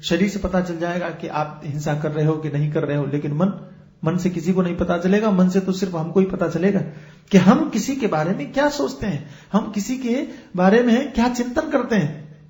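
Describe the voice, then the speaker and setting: A man's voice: high voice, normal speed, a little mellow, echoey room. A man who is a spiritual teacher, giving a discourse and explaining with everyday examples and rhetorical questions.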